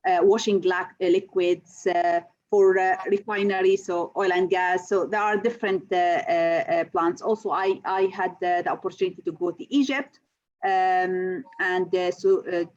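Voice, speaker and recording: The speaker is a Syrian woman, a lecturer in chemical engineering, responding to interview questions with frequent hesitant fillers. Her voice is on the low side and a little mellow, with fairly even intonation and a moderate pace. The recording is a bit dull.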